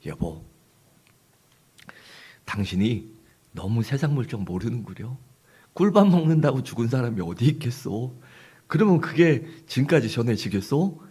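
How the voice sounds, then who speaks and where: Pastor doing a clever husband, formal old-timey talk, bit husky, pretty animated. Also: male voice, medium pitch, moderate pace, pauses often. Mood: reassuring. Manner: old-fashioned formal speech, first scolding then reassuring. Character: wise, scheming husband, gentle but firm.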